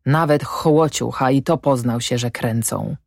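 A woman's voice: a bass voice, a little slow, creaky, a little mellow, no room sound, clean studio sound, heavily acted. A woman voicing a shrewd, suspicious old peasant farmer who mutters and grumbles in rustic dialect. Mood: suspicious muttering. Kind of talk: audiobook character voice.

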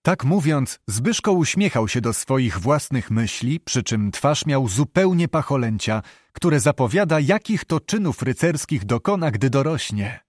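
A man reading an audiobook in steady, measured scripted narration. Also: mid-range voice, dry recording, studio quality.

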